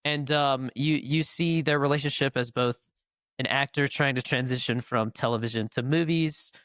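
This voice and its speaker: A man's voice: mid-range voice, moderate pace, a bit bright, clear, resonant tone, no room sound, clean studio sound. A man co-hosting a filmmaking podcast, nasal and congested from a cold, rambling through a casual chat with fillers and restarts. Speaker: podcast co-host.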